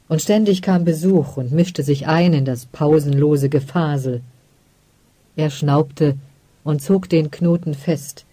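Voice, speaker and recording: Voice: medium pitch, warm tone, dry recording. Langsame, dunkle Erzählstimme eines Hörbuchs. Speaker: audiobook reader. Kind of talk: scripted narration of a literary story.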